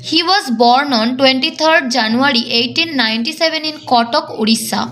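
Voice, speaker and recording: Woman, high voice, exam-prep lesson, slow careful reading, brisk explaining. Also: fairly bright tone. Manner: reads English lines slowly, then explains briskly. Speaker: teacher.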